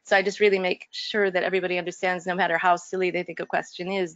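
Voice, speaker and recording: A woman's voice: on the low side, no room sound, highs cut off. Earnest woman instructor on a video call. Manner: earnest, reflective, many fillers and restarts. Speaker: faculty instructor. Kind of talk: casual discussion in an online faculty workshop.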